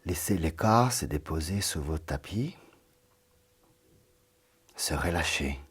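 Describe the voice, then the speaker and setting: Guiding a yoga nidra session, this man speaks with a deep, husky voice full of breath. His pace is calm and slow, and many phrases fade into a gentle half-whisper.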